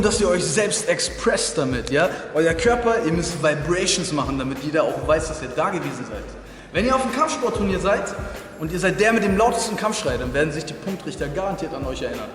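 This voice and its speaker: In a very echoey dojo with music in the background, a man hosts a martial arts video, chatting jokingly to the camera as he plays at teaching. He speaks a little fast in a fairly high, fairly bright voice full of big pitch swings.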